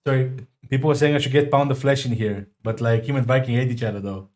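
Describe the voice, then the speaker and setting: A man running the voice chat, talking in a quick, offhand way during a casual chat. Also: mid-range voice, fairly even intonation, a little mellow.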